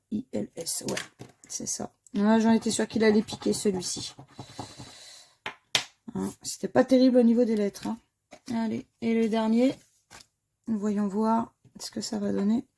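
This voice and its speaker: Gravelly, low-key woman scratching tickets. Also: fairly even intonation, measured pace, pauses often, warm tone, slight background noise. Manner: spells out letters aloud, muttering low between calls. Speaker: scratch-card vlogger. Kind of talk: casual commentary while scratching tickets.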